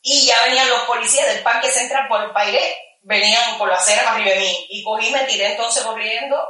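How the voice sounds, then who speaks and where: A woman recounting events in casual conversation, animated and acting out the voices of the people she quotes. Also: a little high, fast. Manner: animated, acts out quoted voices, drops to a near whisper. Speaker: activist recounting an arrest. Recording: echoey room, distant mic.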